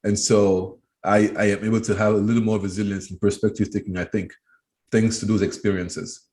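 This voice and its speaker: Here a lowish, level, darkish voice moves at a brisk clip. It belongs to a thirty-something education trainer from Cameroon, guesting on an interview, who considers each answer and frequently restarts or repeats words mid-thought.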